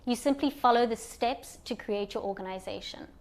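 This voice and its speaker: A woman from Zimbabwe guiding viewers through an online platform in a calm, step-by-step screen walkthrough. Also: on the high side, normal speed. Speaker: platform presenter.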